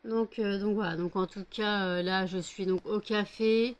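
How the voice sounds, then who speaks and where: A woman's voice: medium pitch, fairly even intonation, measured pace. A woman from France chatting casually in a vlog, rambling with many fillers and cooing baby talk to her dogs between remarks. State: sleepy and hot. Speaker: vlogger.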